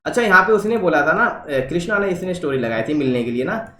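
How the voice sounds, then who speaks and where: A man's voice: on the high side, lively intonation, fairly quick, pushed and bright, roomy sound, poor audio. A man hosting a reaction video, reading social media posts aloud and commenting on them in a casual way, mixing in English phrases.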